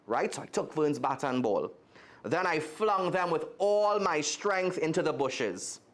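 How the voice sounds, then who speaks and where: Unhurried and lively in intonation, this Trinidadian man, a guest storyteller from Trinidad and Tobago, reads to children in a slightly high voice. He brings expression to the story and addresses the young audience directly.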